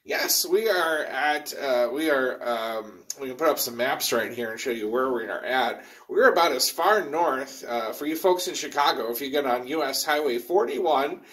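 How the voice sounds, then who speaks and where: A man's voice: mid-range voice, expressive, moderate pace, hardly any pauses, a bit bright. A man hosting a casual live virtual program from underground in a mine, talking in a folksy, rambling way. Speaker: host and president of a rail education group.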